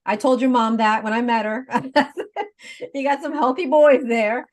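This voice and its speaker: A woman's voice: fairly high pitch, steady tone, unhurried. A woman in her fifties on a talk show, earnestly explaining step by step and laughing easily. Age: 50s. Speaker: guest advocate. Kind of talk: casual explanatory chat.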